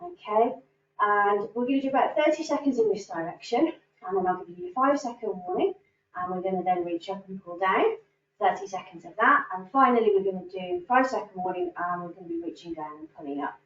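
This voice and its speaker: A woman whose voice runs on the high side, with big pitch swings, talks a little fast. As the instructor of a standing cardio class, she counts reps in an upbeat, encouraging manner, and the sound is roomy, distant, and dull.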